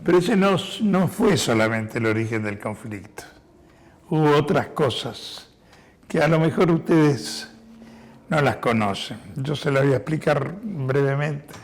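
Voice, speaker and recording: Born in Spain and now in his sixties, this hoarse man speaks to an audience as a war veteran, carefully explaining with frequent hesitations. His mid-range voice is animated and a little slow.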